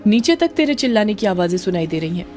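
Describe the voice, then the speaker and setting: A woman's voice: mid-range voice, big pitch swings, quick pace, darkish tone, soft background music, close to an everyday voice. A woman voicing a concerned young male friend who asks urgent questions in a storybook tale.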